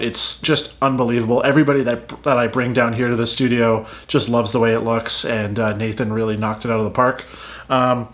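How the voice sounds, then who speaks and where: A man's voice: medium pitch, fairly bright tone. A man hosting his own channel, chatting in an upbeat, enthusiastic way with plenty of fillers. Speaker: drummer and channel host. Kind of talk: casual vlog chat. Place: outdoors in cold weather at a farm shop; his home studio.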